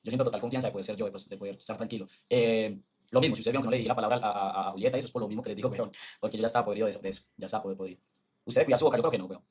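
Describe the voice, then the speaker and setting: Young man, Medellín Colombian accent, streamer, heated slangy rant, rapid-fire, husky voice. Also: fairly low pitch, steady tone, a little mellow. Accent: Medellín Colombian Spanish. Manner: fast, heated, slangy, full of restarts.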